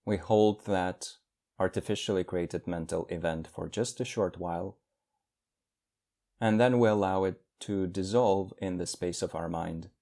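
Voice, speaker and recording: Leading a guided meditation, a man with a low-pitched, dark-toned voice speaks in the measured phrases of a teacher. He leaves generous pauses between one instruction and the next.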